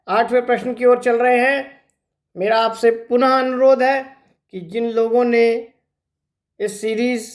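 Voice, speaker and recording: A male teacher giving an exam-prep grammar lesson, explaining step by step and asking rhetorical questions. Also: very high-pitched. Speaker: Hindi teacher.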